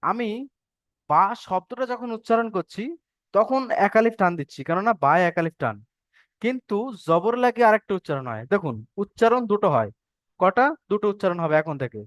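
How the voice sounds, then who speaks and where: A man's voice: high-pitched, very animated, brisk, fairly bright tone, dry recording, studio quality. A man teaching an online Quran reading class over a video call, patiently repeating points and drilling letter sounds.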